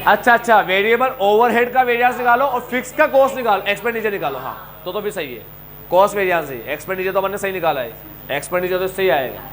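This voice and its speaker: A middle-aged man with an Indian accent teaching a coaching class, animated, scolding and joking with his students. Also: sits high, fast talker, rough recording. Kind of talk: classroom lecture.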